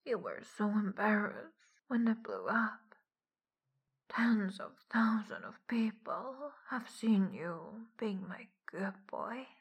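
A woman giving a whispered audio roleplay in a soft, teasing whisper as the dominant partner. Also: medium pitch, very animated, takes it slowly, breathy edge, lo-fi sound.

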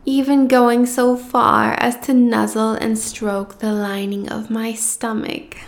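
A woman voicing a cruel, gloating giant goddess who speaks in slow, taunting threats. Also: fairly high pitch, gravelly. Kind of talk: fantasy audio roleplay.

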